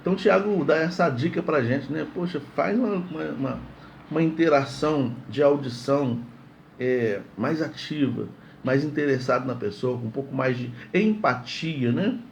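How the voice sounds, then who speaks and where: A man gives a morning sermon, chatty and relaxed, often repeating himself and checking that listeners follow. His voice sits a little high for a man. A faint hiss runs underneath. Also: normal speed, gravelly. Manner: conversational, repeats words, asks "entende?". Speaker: preacher.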